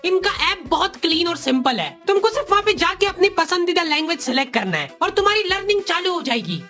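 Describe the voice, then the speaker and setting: A woman's voice: very high-pitched, fairly bright tone. A woman narrating a comic cartoon in a playful, mocking way.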